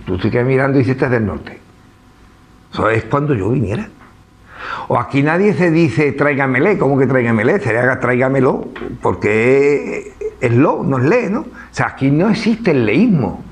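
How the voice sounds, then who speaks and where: At a book presentation, a man with an Andalusian Spanish accent gives an informal public lecture in an easygoing way, tossing in rhetorical questions and the tag "¿no?". His voice is at a typical male middle pitch, with big swings and a moderate pace.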